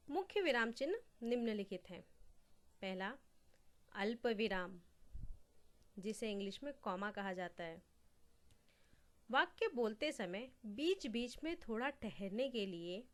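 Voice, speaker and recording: Woman teaching a Hindi grammar lesson. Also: mid-range voice. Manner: slow, deliberate explaining with repeated examples.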